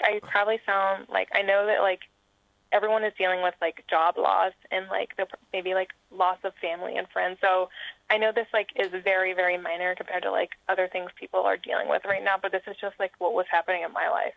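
A woman in her thirties tells her story in a loose, rambling way, full of fillers. Her voice has a gravelly edge. The sound is a tinny phone line, dry and close. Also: medium pitch, flat delivery, fairly quick, no room sound. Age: 30s. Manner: chatty, filler-heavy, rambling. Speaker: guest. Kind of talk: casual chat over a phone line.

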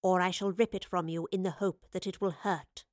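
A woman voicing a composed woman professor who speaks in a cool, clipped, measured way. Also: lowish voice, fairly even intonation, a little mellow, dry recording, clean studio sound, natural voice. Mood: stern. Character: composed, stern woman professor, dry and unflinching.

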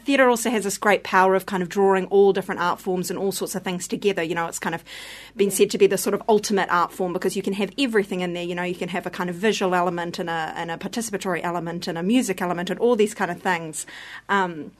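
A woman's voice: lowish voice, fairly even intonation, quick pace. A woman with a broad New Zealand accent, explaining things informally and a little hesitantly as a guest in a casual interview. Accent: broad New Zealand (Kiwi). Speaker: theatre company performer, interview guest.

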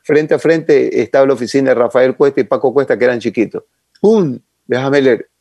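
An older man, telling long animated stories as an interview guest. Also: mid-range voice, brisk, slightly rough, no room sound. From Ecuador. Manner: animated, rambling reminiscence with sound effects. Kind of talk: casual storytelling interview.

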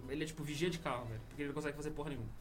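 A man's voice: on the high side, rapid-fire. A man with a Brazilian Portuguese accent telling a story in casual slang on a podcast. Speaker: podcast co-host. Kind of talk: casual chat.

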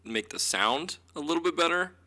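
Bright-voiced man podcasting, sounding inside a concrete bunker. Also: expressive, normal speed, creaky. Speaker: podcast co-host. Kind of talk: casual podcast chat. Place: apartment with concrete walls and hardwood floors. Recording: boomy hard-walled room, like a concrete bunker.

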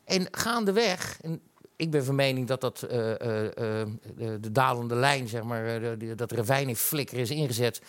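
A man's voice: mid-range voice, lively intonation, moderate pace. A Dutch man hosting a casual live talk show, chatty and rambling, with many fillers and restarts. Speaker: host.

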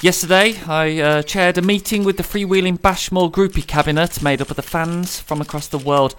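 A man's voice: high voice, fairly even intonation, fairly quick, fairly bright tone, slight background noise. A man with a Brummie accent, a radio host giving a pompous, self-mocking mock press conference speech.

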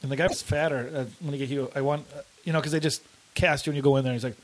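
Fast, whiny young man telling stories. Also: fairly high pitch, steady tone. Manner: rambling, profane storytelling with many fillers. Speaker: comedian guest. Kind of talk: casual podcast chat.

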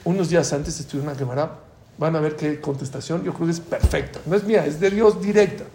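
A man gives a religious lesson with a slightly raised voice. He acts out dialogues and swings from loud bursts to hushed asides. The recording has an echoey room and a faint hum of ambience. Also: fairly high pitch, quick pace, creaky. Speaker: Torah teacher.

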